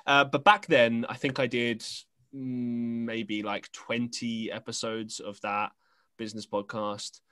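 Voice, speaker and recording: A man's voice: mid-range voice, flat delivery, slow, a bit bright, smooth, dry recording. A young man from England, a podcast host telling a story in casual conversation, rambling with many fillers and restarts.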